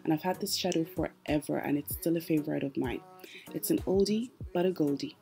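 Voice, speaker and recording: Speaking briskly with some vocal fry, a woman with a distinctly low, mellow voice walks her viewers through a makeup tutorial. She keeps it casual, chatty and explanatory, and light music runs in the background.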